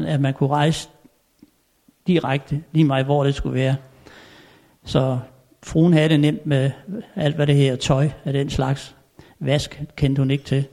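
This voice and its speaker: An older man telling anecdotes in a chatty way, chuckling often and filling pauses. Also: a little high, gravelly, a little mellow. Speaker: storyteller. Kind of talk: anecdotal storytelling.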